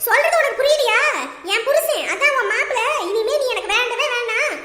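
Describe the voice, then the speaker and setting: A woman's voice: extremely high pitch, brisk, a crowd in the background. A woman playing a bitter married daughter who sarcastically blames her family for her ruined life, in a comedy skit. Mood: accusing. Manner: scolding, accusing, sarcastic. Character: bitter wronged married daughter, sent away by her husband. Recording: echoey room with long reverb.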